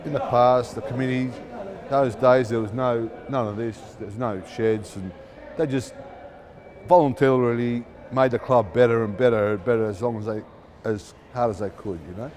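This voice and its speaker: A man speaks informally, explaining things as a club representative would to a visitor. His voice sits at a medium pitch. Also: fairly even intonation, moderate pace, darkish tone.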